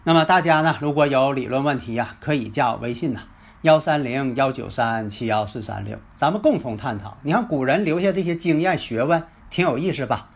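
A man hosting a lesson on Chinese metaphysics, telling teaching stories in an unhurried way, full of drawn-out filler particles. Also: medium pitch, expressive, gravelly. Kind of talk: storytelling lecture.

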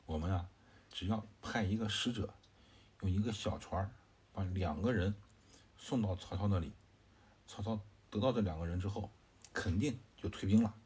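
A sly, needling strategist from an old war tale, as a male storyteller puts him on. The voice stays deep and dark, with a smooth persuasive flow that leans on drawn-out particles.

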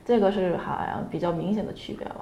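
A young woman from South Korea speaking as a second-language speaker with a Korean accent, answering casually as an interview guest and pausing to search for words. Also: lowish voice, warm tone. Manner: hesitant, pausing to search for words, frequently agreeing. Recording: echoey room with faint noise.

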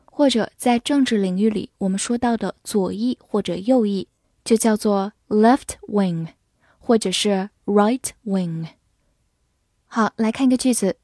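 A woman delivers a scripted English vocabulary lesson, spelling every word letter by letter and reading example sentences slowly. Her medium-pitched voice has a dark tone, recorded dry with clean studio sound.

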